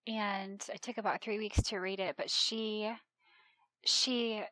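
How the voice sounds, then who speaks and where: A woman's voice: mid-range voice, takes it slowly, dry recording. A woman in her thirties, a travel agent, chatting animatedly as a podcast guest. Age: 30s. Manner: chatty and animated, mimics voices in retold quotes. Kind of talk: casual conversational interview.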